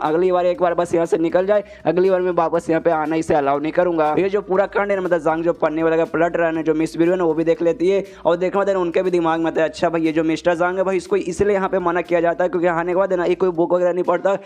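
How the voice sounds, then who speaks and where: A man's voice: fairly high pitch, a little mellow. A man narrating a comic recap casually, slangy and chatty, peppered with filler words. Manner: slangy, keeps saying "bhai" and "na".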